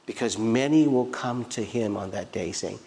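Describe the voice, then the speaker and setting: A man's voice: lowish voice, moderate pace, warm tone. A man preaching a sermon as pastor in a church, emphatic, with repeated phrases and rhetorical questions. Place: church sanctuary.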